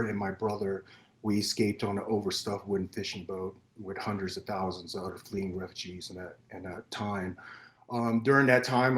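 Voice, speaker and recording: A middle-aged man born in Vietnam, guest on a podcast, telling his life story in an earnest, measured way with many fillers and restarts. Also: on the low side. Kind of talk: personal storytelling in interview. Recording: roomy echo.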